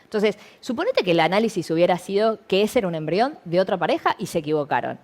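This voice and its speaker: Animated Rioplatense woman, lively pitch. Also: fast. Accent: Rioplatense Spanish. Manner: animated, storytelling with questions. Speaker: guest. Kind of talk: studio interview conversation. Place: TV studio.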